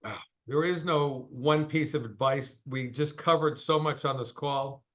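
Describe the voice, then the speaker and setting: Ceo guy in his 60s talking fast and forceful, kinda dull lo-fi call sound. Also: medium pitch. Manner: emphatic, straight-talking, fast bursts. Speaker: company CEO guest. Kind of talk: interview over a call.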